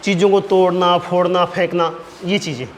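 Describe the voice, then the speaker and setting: A man teaching an exam-prep lecture, explaining point by point and slowly dictating key phrases, repeating them. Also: sits high, level tone. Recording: reverberant room with faint noise.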